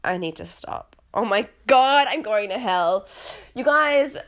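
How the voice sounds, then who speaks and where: A woman's voice: on the high side, expressive, measured pace. A young adult woman hosting a podcast, chatting casually about reality TV in a rambling, self-deprecating and exclamatory way. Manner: dramatic, exclamatory. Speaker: podcast host.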